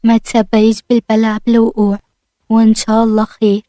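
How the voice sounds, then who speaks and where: A woman with an Egyptian Arabic accent voicing a calm, reassuring male doctor in a storybook tale. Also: fairly high pitch, fast, no room sound, close to an everyday voice.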